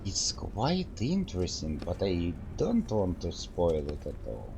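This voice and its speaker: A man's voice: low-pitched, wildly swooping pitch, slow, creaky, background noise. A man hosting a game walkthrough, chatting casually and reading the game's text aloud between his remarks.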